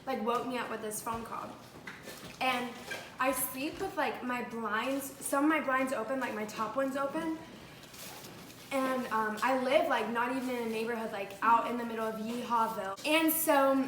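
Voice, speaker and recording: A young woman vlogger chatting casually and telling a story, giggly and full of "like" fillers. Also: fairly high pitch. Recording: echoey with loud background noise.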